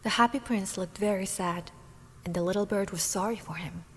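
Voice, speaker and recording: A woman whose first language is Korean, calmly reading a fairy tale aloud in a soft whispered role-play. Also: medium pitch, moderate pace, slight background noise, rough recording. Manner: calm, soft whispered narration.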